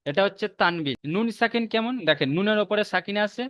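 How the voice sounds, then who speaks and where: A man with a Bengali accent teaching Quran reading in a recorded online lesson, repeating rules and slowly drawing out each letter. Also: high-pitched, animated, fairly bright tone, smooth, dry recording. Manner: slow drawn-out spelling of letters, repeats rules for memorizing. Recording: dull muffled lo-fi audio.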